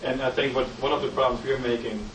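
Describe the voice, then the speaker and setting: Talking quickly with fairly even intonation in a mid-range voice, this German-accented middle-aged panelist is earnest but rambles and keeps restarting sentences. A distant mic captures him in a noisy, roomy space.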